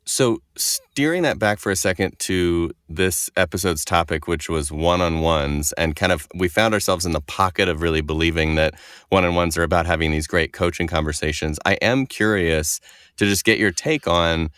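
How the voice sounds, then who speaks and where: A man co-hosting a podcast, asking a guest questions in a measured way. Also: low voice, a bit bright, clear, resonant tone, dry recording, studio quality. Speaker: podcast co-host. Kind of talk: podcast interview.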